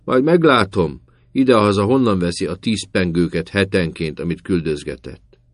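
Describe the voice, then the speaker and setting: A man's voice: no echo, clean studio sound. A man voicing a tall, domineering sergeant who mocks and bullies in a read story. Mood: scornful. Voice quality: booming, gruff.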